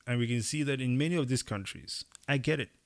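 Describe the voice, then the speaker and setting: Gravelly man talking emphatically. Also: medium pitch, fast talker. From Cameroon. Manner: emphatic, rising to animated bursts. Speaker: podcast co-host. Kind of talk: casual opinion chat.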